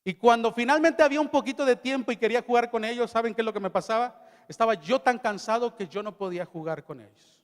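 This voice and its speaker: A middle-aged man preaching to a large gathering, with a very high voice for a man. He reads scripture and puts questions straight to his listeners. His words ring out in a hall with long reverb. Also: fast talker. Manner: preaching, reading scripture then asking the audience questions. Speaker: pastor. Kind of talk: sermon. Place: large hall at a youth event.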